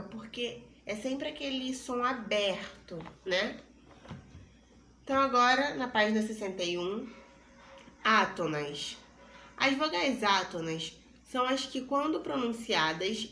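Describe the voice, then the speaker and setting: Woman, primary teacher, slow and patient delivery, echoey room, faint noise. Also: on the high side, pushed and bright. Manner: slow, patient, spells out vowels for children to repeat. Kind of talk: recorded lesson for young children.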